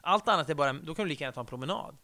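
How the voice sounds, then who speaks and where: A man's voice: fairly high pitch, expressive, bright, forceful tone. A middle-aged man chatting casually on a podcast, rambling and self-deprecating, with casual swearing. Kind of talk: casual conversation.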